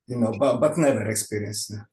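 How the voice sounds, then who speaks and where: A man from Serbia with a Serbian accent, speaking halting English on a group call, often searching for words and repeating himself. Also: medium pitch, a little mellow, roomy sound, rough recording.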